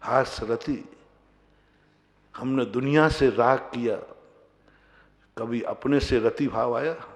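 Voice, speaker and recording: A man preaching as a Jain monk, his voice at a middle pitch carrying a long echo through a large hall. He throws question after question at his listeners, rising to loud, emphatic peaks and then sinking to quiet, low passages. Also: slow, long pauses. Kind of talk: sermon.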